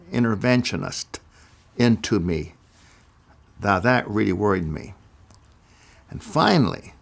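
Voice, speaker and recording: Slow, gravelly older man. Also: fairly low pitch. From Idaho, USA. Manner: deliberate, measured delivery with careful pauses. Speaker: speaker giving a personal testimony. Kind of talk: slow first-person storytelling.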